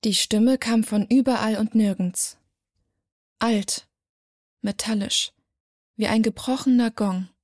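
A woman narrating a dark fantasy story in a measured, dramatic way. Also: on the high side, steady tone.

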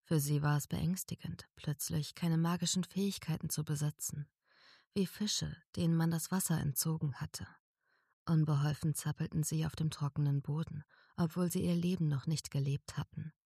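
A woman reading a first-person audiobook story in a calm, measured narration. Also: deep voice, gravelly, husky, no echo, studio quality.

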